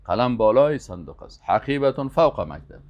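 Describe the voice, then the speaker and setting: A man teaching Arabic, repeating each word slowly and emphatically, then adding quick explanations. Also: mid-range voice, sing-song, dull audio. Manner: slow, emphatic word-by-word repetition with quick asides. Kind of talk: language lesson, drilling vocabulary.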